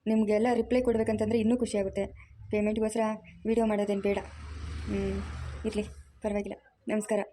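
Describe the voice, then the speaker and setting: A woman's voice: medium pitch, little pitch movement, fast talker, long pauses, warm tone, a little hiss or hum. A woman, hosting her channel, talking candidly and resignedly to viewers. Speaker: channel host. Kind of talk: casual chat to viewers.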